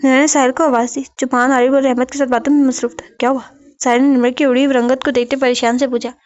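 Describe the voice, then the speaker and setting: A woman reading a novel aloud as its narrator, in steady storytelling narration, on a dull lo-fi recording. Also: sits high, fast.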